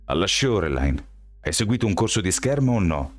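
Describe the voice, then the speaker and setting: A man voicing a calm, self-assured young man who speaks in a measured, quietly defiant way, in an audiobook reading. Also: sits low, pitched above the performer's own voice.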